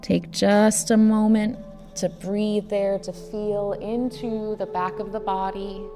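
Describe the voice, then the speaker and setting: Echoey, gentle woman guiding meditation. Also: mid-range voice, little pitch movement. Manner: gentle, measured, soothing guiding with drawn-out phrases. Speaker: yoga and meditation instructor. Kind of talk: guided somatic meditation instruction. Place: indoors, decorated studio room. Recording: reverberant hall sound with faint music. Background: faint music.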